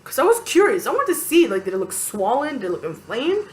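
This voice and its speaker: Chatty animated woman vlogger, slightly high. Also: fast talker. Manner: animated, chatty, lots of fillers and acted-out quotes; blunt, exasperated venting. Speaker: vlogger telling a personal story. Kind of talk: casual storytelling to camera.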